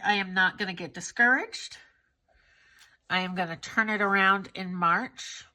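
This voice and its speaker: A woman's voice: on the low side, bright, forceful tone. A woman vlogging about her monthly budget in a casual, candid way, congested from a cold and often trailing off with fillers. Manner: candid, self-critical, chatty with fillers.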